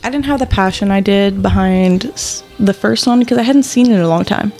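A woman's voice: mid-range voice, brisk. A young woman chats as a podcast co-host, rambling and giggling and swearing casually. Faint music plays behind her. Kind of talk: casual chat.

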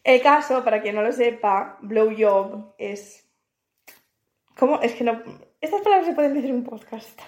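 A young woman from Spain with a Spain Spanish accent, chatting as a podcast co-host. She tells her stories candidly and laughs through them, dropping coarse slang. Her voice sits a touch high, and the room around her is echoey. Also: expressive, brisk, hardly any pauses, a little mellow, highs cut off. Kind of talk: casual chat.

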